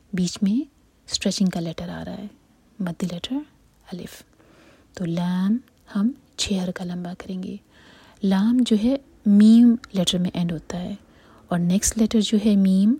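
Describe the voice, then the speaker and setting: A woman teaching Quran recitation in a steady whisper, explaining each step slowly and methodically and mixing English terms into her explanations. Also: lowish voice, slightly rough, no echo. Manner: whispers throughout, slow and methodical. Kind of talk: whispered tutorial.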